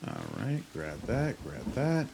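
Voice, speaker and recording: A man's voice: mid-range voice, sing-song, slow pace, background noise. A man commenting on and narrating a video game as he plays. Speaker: gamer, let's play host. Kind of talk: casual game commentary and dramatic read-aloud narration.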